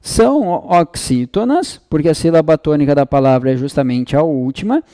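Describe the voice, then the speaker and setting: A man's voice: fairly high pitch, lively intonation, moderate pace, warm tone, no room sound, clean studio sound. A man teaching an online exam-prep lesson. He explains step by step, checks in often with tag questions and acts out students' questions.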